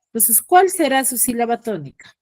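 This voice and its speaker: A woman's voice: a little high, big pitch swings, moderate pace, a little mellow. A woman teaching an online class as a secondary school teacher over a video call, who checks in with her students often and patiently.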